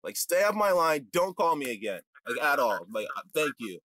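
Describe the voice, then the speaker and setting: A man hosting a religious online show, ranting to his viewers in a combative way that swings from shouting to muttering. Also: a little high, sing-song, moderate pace. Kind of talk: heated livestream rant to viewers.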